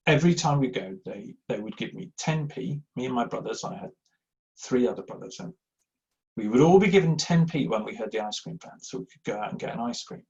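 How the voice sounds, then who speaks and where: A middle-aged man with a gravelly edge to his voice, talking to a live audience in a loose, rambling way. He wanders into personal anecdotes, pokes fun at himself and fills the gaps with ums and uhs. The recording is a little dull and lo-fi. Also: mid-range voice. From Yorkshire, England. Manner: rambling, anecdotal, self-deprecating, many fillers. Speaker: church giving speaker. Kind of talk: informal talk to a live audience. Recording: slightly dull lo-fi sound.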